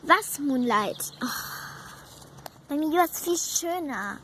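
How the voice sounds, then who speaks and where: A woman's voice: high-pitched, lively intonation, slow pace, fairly bright tone, a little hiss or hum, voice pushed up, exaggerated voice. A woman voicing a sulky, homesick young horse who complains about hunger. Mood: complaining.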